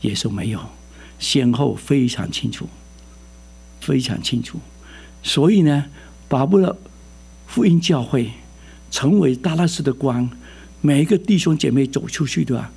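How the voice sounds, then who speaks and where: A man's voice: medium pitch, lively intonation, measured pace, gravelly, pauses often, a little mellow, husky. A male pastor preaching a sermon, stopping to quiz the congregation with rising questions.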